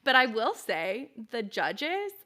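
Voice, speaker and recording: A woman's voice: on the high side, very animated, slow pace, pushed and bright. A young woman co-hosting a podcast, chatting casually with lots of fillers and acted-out quotes. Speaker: podcast co-host. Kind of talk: casual chat recap.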